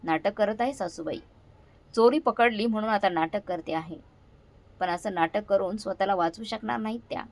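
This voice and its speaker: A woman's voice: medium pitch, moderate pace, no room sound, close to an everyday voice. A woman voicing a suspicious, sneering elder daughter-in-law, recorded dry and close. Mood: cold suspicion.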